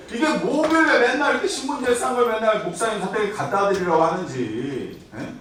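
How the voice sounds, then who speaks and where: Brief: high-pitched male pastor, animated storytelling sermon, reverberant hall, mic far off. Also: a little hiss or hum. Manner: lively storytelling, frequent "예?" to the congregation. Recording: echoey church hall from afar.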